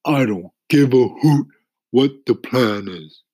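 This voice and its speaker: A man's voice: on the low side, unhurried, mellow, slightly rough, no room sound, clean studio sound, pitched above the performer's own voice. A man voicing a grumpy, fussy male earthworm in a storybook reading, indignant and huffy. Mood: panicked refusal.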